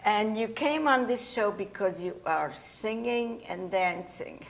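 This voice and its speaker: An older Hungarian woman hosts a casual talk show in a TV studio, chatting with guests and laughing often into a lapel mic. Her voice is medium-pitched and unhurried with some vocal fry, and the recording quality is low.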